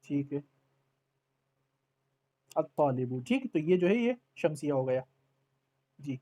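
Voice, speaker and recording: A man's voice: fairly high pitch, sing-song, mellow. A man teaching Arabic letters in an online lesson, patiently repeating words and checking that his students follow.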